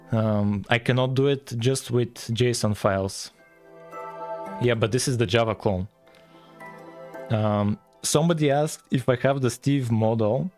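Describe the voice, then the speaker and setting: Streaming as he codes, a Bulgarian game developer chats informally and reasons out loud, his Bulgarian accent clear. He has a mid-range, somewhat dark voice.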